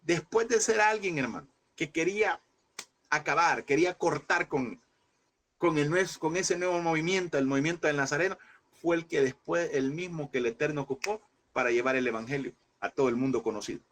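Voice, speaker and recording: A man's voice: on the high side, fairly quick, a bit bright. A man teaching a Bible class in a preaching style, emphatic and repeating phrases, often calling listeners brother.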